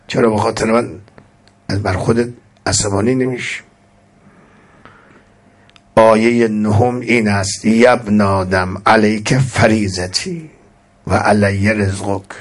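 A male preacher giving a sermon at a middle pitch. He intones Arabic verses slowly, then explains them in plain colloquial speech, and his voice rises in emphatic bursts.

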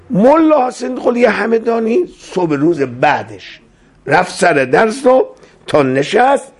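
A man's voice: a little high, a little mellow, husky. A male preacher telling a dramatic story in a sermon, quoting Arabic scripture.

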